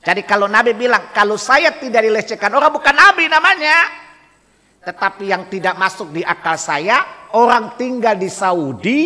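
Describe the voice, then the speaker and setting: High-voiced guy preaching in a mosque, slang, keeps throwing questions at the crowd, echoey hall. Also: pushed and bright. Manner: rhetorical, provoking the audience with repeated questions. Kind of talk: mosque sermon. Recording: long hall reverb in a mosque.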